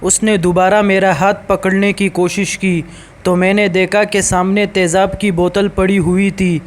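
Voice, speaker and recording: A man reading a scripted story aloud in a steady, even storytelling voice. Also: high voice.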